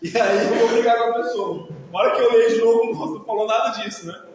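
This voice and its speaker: A man with a Brazilian accent gives a didactic talk on the mind. His voice sits high for a man and he keeps asking his listeners short checking questions. He is picked up from a distance in a big, very echoey hall with a long tail of reverb and faint background noise. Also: steady tone, fast. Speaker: mental health professional. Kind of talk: lecture to an audience.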